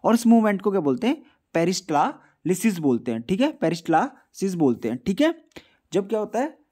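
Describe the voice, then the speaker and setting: A man's voice: high voice, sing-song, a little fast, mellow. A man teaching a school science lesson to children, repeatedly asking questions and answering them himself, mixing in English terms. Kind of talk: classroom-style video lesson.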